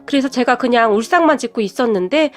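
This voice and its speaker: High-voiced woman telling a story. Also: fast talker. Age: middle-aged. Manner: confiding, first-person storytelling. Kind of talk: scripted story narration.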